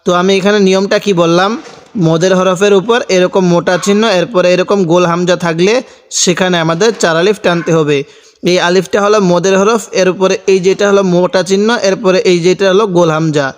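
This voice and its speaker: In a hall with long reverb, a man gives a spelling-out Quran lesson, methodically explaining each rule, repeating every syllable and chanting the recitation slowly. He has a high voice with fairly even intonation and speaks fairly quickly.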